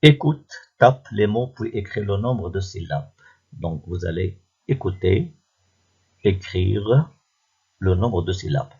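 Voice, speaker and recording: A man's voice: low-pitched, expressive, takes it slowly, mellow, breathy edge, lo-fi sound. A man teaching a primary school phonics lesson, patiently repeating each answer step by step. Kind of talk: slow classroom phonics lesson.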